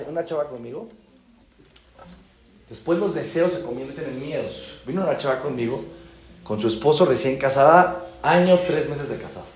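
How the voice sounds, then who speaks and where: Animated rabbi. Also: male voice, on the high side, slight background noise. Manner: animated, acts out dialogues, repeats phrases for emphasis. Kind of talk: Torah class. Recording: roomy echo.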